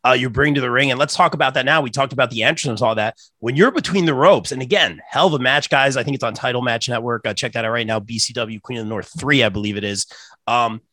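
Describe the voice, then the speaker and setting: A man's voice: medium pitch, fast, pushed and bright, dry recording. A man hosting a casual interview in an informal, chummy way. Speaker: interview host.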